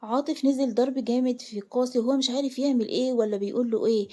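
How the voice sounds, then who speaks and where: Fast-talking Egyptian woman storyteller. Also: a little high, fairly even intonation, darkish tone. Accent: Egyptian Arabic. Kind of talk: dramatic story narration.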